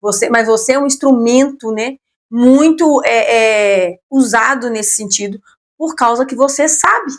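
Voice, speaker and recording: A woman's voice: fairly high pitch, a little slow. A woman with a Brazilian Portuguese accent hosting an interview, who often answers her guest with short words of agreement and encouragement. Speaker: host.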